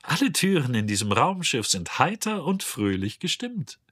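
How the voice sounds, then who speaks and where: Man reading as a glum husky robot, sulky and sardonic, higher than the narrator's own voice, in a dry booth for an audiobook. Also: big pitch swings, normal speed, a bit bright, dry recording, exaggerated voice. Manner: weary, sulking, mocking. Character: gloomy male robot, endlessly depressed and sarcastic. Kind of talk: audiobook character voice.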